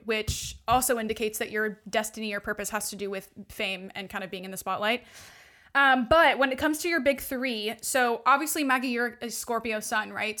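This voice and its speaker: A woman's voice: fairly high pitch, pushed and bright. A woman guest coach in casual podcast chat, gushing and full of "like" fillers as she explains astrology.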